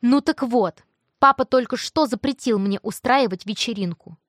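A woman's voice: a little high, normal speed, no room sound, voice pushed up, natural voice. A tearful teenage girl complains in a plaintive, raised voice, read by a woman narrator. It is a dry, close storybook reading. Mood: upset.

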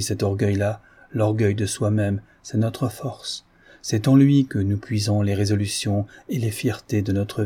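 A proud, earnest man pleading fervently with his guilty cousin, as read by a male narrator. His voice is low, dark and husky, rising with conviction. A serious character from a classic audiobook.

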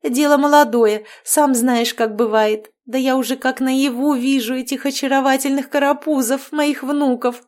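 A woman's voice: high voice, steady tone, moderate pace, hardly any pauses, darkish tone, pitched above the performer's own voice, close to an everyday voice. A woman voicing a middle-aged witch, an overbearing future mother-in-law who gushes and talks over everyone. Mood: gushing. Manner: effusive and bubbly, steamrolling over others.

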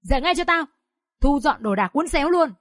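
A woman voicing a hot-tempered older village father who scolds harshly and yells. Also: fairly low pitch, normal speed, breathy edge. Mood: raging.

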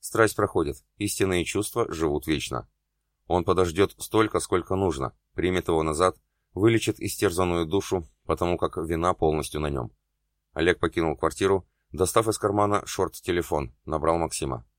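A man reading an erotic novel aloud as an audiobook narrator, in a steady, even way. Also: low-pitched, normal speed, dry recording, clean studio sound.

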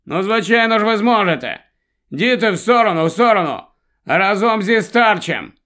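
A man reading a story aloud, voicing a loud, overly hearty grown man who shouts orders while pushing a car. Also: high voice, lively intonation, moderate pace, voice pushed up. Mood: jovial. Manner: brash, jovial, shouting orders.

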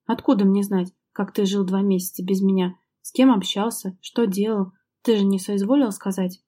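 A woman narrating an audiobook gives voice to a heated, jealous young wife who sharply accuses her husband in a raised, reproachful voice that climbs as she presses him. At a normal pace and mid-range pitch, her natural voice keeps a warm, mellow tone even when loud, and the mood is accusing.

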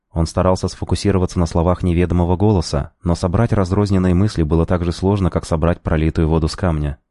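A man reading a fantasy story aloud in a measured, even narration. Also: low-pitched, no room sound, studio quality. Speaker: audiobook narrator.

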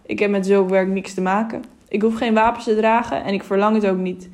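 A woman's voice: mid-range voice, steady tone, a little fast, darkish tone, close to an everyday voice. A woman voicing a cautious, worried male scribe in an audiobook.

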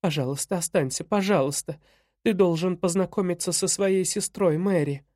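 Guy voicing a scared beaten-down mom begging breathless, higher voice, audiobook. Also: normal speed, darkish tone, no echo, clean studio sound. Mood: pleading. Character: frightened pleading battered young mother.

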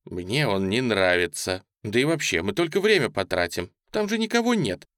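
A man's voice: on the low side, sing-song, normal speed, fairly bright tone, dry recording, clean studio sound. A man voicing a bossy, sensible teenage girl who scolds the younger kids in an audiobook. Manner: scolding, commanding.

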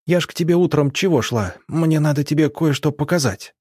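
A man's voice: a little high, a little fast, darkish tone, slightly rough, no room sound, studio quality, voice pushed up. A man voicing a short, feisty young woman who is quarrelsome and mocking. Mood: teasing, scolding.

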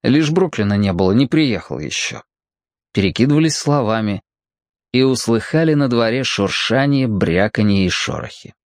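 Expressive man reading a story. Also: mid-range voice, moderate pace, no echo. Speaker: audiobook narrator. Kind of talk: storybook narration.

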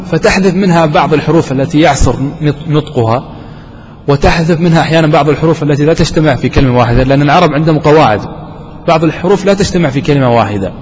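A man's voice: fairly high pitch, darkish tone, in a large hall. Man, grammar teacher, classroom lesson, questions the class, dull lo-fi recording, faint hiss. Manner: questioning students, explaining step by step.

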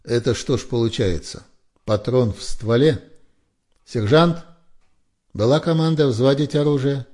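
A man reading an audiobook voices a strict army lieutenant who barks orders and turns shrill when angry. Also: unhurried, pauses often, a little mellow, natural voice. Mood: stern.

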